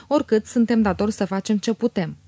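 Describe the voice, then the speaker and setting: A woman reader voicing a sly, falsely pious man who talks in an unctuous, smooth way. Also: mid-range voice, mellow, no echo, lightly acted. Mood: oily. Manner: unctuous, feigned piety.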